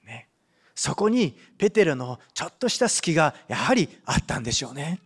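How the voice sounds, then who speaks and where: A man's voice: fairly high pitch, normal speed, slightly rough. A man preaching a sermon as pastor, retelling a Bible story and reading scripture aloud, often adding a questioning "ne". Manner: animated, with frequent rhetorical "ne" and Bible reading.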